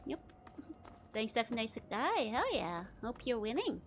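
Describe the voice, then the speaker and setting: A woman's voice: on the high side, big pitch swings, normal speed. A woman streamer giving casual, wry, giggly live commentary on a video game. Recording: clearly noisy, game sound behind. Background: video game sounds.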